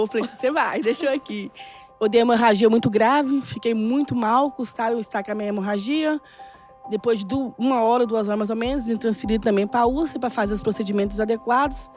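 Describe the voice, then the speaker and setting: A middle-aged woman telling a personal testimony in a casual, animated way and acting out the dialogue. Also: on the high side. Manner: animated, laughing often, acts out dialogue. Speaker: church guest sharing a testimony.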